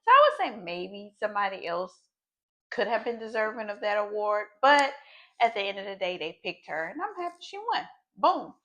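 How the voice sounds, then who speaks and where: A woman's voice: medium pitch, very animated, normal speed, a bit bright. A woman hosting her own talk show, chatting casually to her viewers with slang and sudden emphatic bursts. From United States. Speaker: show host. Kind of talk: casual chat to camera.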